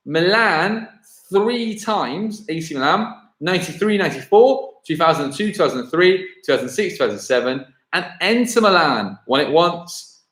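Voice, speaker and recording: Chatty quiz host, roomy echo. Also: male voice, on the high side, fairly bright tone. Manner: chatty, self-correcting, thinks aloud between questions. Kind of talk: live-streamed pub-style quiz hosting. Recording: echoey room.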